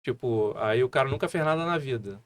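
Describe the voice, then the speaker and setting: Brazilian guy, martial arts teacher on a podcast, chatty and animated, dry close mic. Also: medium pitch, fairly quick, dry recording. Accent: Brazilian Portuguese. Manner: animated storytelling with many fillers. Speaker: guest martial arts instructor. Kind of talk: casual podcast conversation.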